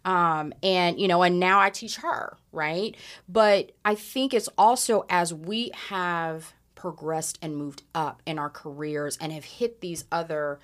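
Animated woman in her forties. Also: on the low side, slow pace, few pauses. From Southern California. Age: 40s. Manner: animated storyteller, laughs while talking. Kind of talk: casual chat.

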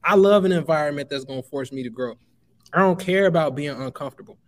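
This slightly high male voice moves quickly. He's a Chicago guest in his twenties on a casual podcast interview, handing out motivational advice with emphasis and addressing the listener as "bro."

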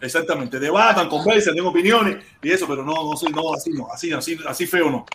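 A Cuban man hosting a live stream, calming and mediating a quarrel. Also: a little high, a little fast, noisy background.

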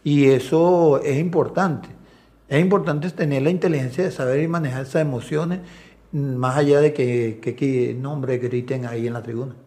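A middle-aged man with a medium-pitched voice, speaking at a normal speed, works as an assistant coach and video analyst. In a casual interview he tells anecdotes like an animated storyteller, acting out the voices of the people he quotes.

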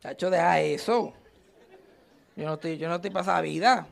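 On a live comedy stage, a young man with a fairly high, creaky voice talks at a moderate pace while some chatter carries in the background. He spins crude stories with animated delivery, performing the quoted lines himself.

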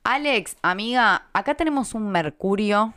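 A woman's voice: medium pitch, animated, a little slow, a bit bright, clean tone, no room sound, clean studio sound. A middle-aged woman with an Argentine accent, co-hosting an astrology podcast in casual, rambling chat. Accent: Argentine Spanish. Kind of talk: casual chat reading a listener's chart.

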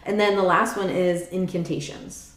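A woman co-hosts a podcast in loose, casual chat, filling her sentences with "like" and laughing easily. Her voice sits low. The room around her is echoey. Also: level tone, normal speed. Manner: chatty, says "like" a lot, laughs easily. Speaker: podcast co-host.

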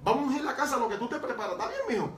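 A man's voice: very high voice, expressive, racing, a crowd in the background, pitched above the performer's own voice. A man doing a firm old church lady. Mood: firm, motherly. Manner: earnest, motherly exhortation. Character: wise, firm elderly woman church leader. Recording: roomy sound from far off.

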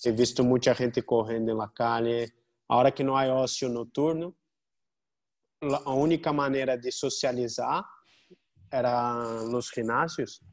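A man's voice: mid-range voice, fairly even intonation, measured pace. A man chatting casually as an interview guest, in Spanish tinged with Portuguese, a mix of the two. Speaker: podcast guest, jiu-jitsu gym owner.

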